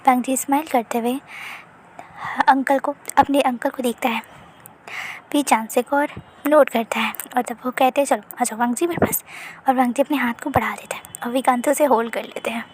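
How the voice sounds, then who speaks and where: A woman casually narrating a fan fiction story in a chatty, soft-spoken way. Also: sits high, steady tone, normal speed, a little hiss or hum.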